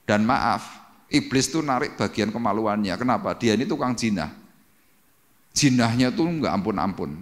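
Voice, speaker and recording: A man's voice: mid-range voice, fairly bright tone. A male pastor preaching dramatically to a congregation, acting out cries and sound effects. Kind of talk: Pentecostal sermon. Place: church hall. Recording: long church-hall reverb.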